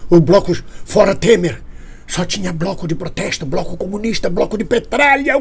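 A man's voice: a little mellow, breathy edge. A man playing a panicky anti-communist crank. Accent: Brazilian Portuguese. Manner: alarmed, indignant, swings from whispers to high outbursts. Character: paranoid right-wing man panicking about communists. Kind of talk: satirical comedy monologue.

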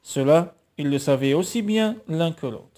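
Un homme qui lit un roman à voix haute, narration posée en donnant une voix à chaque personnage. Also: male voice, a little high, expressive, moderate pace, dark tone. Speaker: lecteur de roman.

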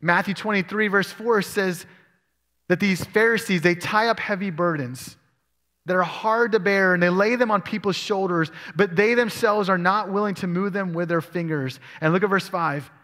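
A male pastor with a high-pitched, sharp-toned voice preaches a sermon at normal speed, reading scripture aloud and asking his congregation questions. He's in a church sanctuary, and long hall reverb colors the recording.

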